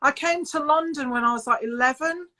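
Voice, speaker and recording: A woman from the Scottish Highlands hosting an interview on a video call, chatty and enthusiastic, saying "like" a lot. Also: brisk, background noise. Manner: enthusiastic, chatty, says "like" often. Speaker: interview host. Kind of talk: casual chat.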